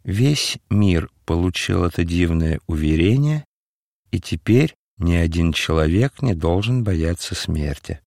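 A man voicing a mysterious male stranger who speaks calmly, dispassionately and with faint mockery. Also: low-pitched, measured pace, creaky, no room sound, studio quality, exaggerated voice. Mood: calm, solemn. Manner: calm, dispassionate, faintly mocking. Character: mysterious calm male stranger, cryptic and mocking.

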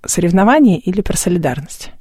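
A male interviewer asking long, measured questions. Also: high voice, expressive, a little mellow, slightly rough, no room sound, studio quality.

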